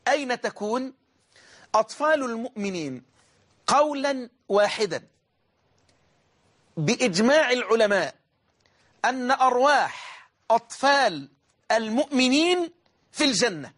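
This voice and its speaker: A man's voice: very high voice, lively intonation, unhurried, pauses often, a bit bright. A man with an Egyptian Arabic accent preaching a religious sermon, emphatic and repeating phrases for stress.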